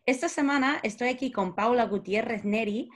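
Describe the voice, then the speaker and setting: A woman's voice: fairly high pitch, moderate pace. A woman hosting a casual podcast interview, chatty, with frequent fillers and restarts. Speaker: podcast host.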